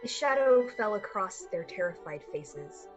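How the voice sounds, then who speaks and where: Narrating like a 1940s radio drama, this woman spins a tense summer-night story with measured suspense. She speaks at medium pitch and a measured pace, animated and lightly acted. Music runs beneath a slightly muffled recording.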